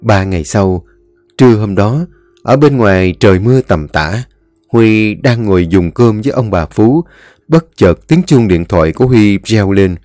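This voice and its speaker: Low-voiced man narrating a ghost story. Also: animated, measured pace, a little mellow, no room sound, studio quality, soft background music.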